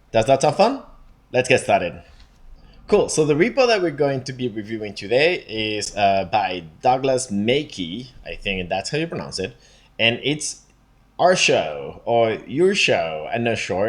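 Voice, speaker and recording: A man hosting a programming show, casually walking through a code review and thinking aloud with plenty of fillers. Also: medium pitch.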